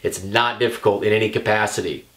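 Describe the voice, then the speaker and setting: A man's voice: on the low side, steady tone, quick pace, fairly bright tone. A young man giving an emphatic talk straight to the camera as a firearms instructor, checking in often with "okay" and "all right".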